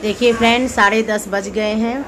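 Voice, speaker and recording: A woman's voice: on the high side, steady tone, normal speed, noisy background. A woman in her thirties chatting to viewers in a casual family vlog, filmed on a phone at home. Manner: chatty, addresses viewers directly, laughs often. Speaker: vlogger. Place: home, indoors.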